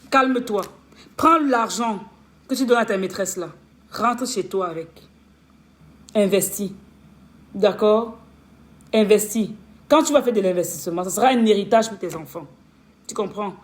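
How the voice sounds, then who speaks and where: A woman's voice: medium pitch, moderate pace, long pauses. A woman relationship coach giving an impassioned, scolding rant on a live stream, firing off rhetorical questions and stammering over repeated words.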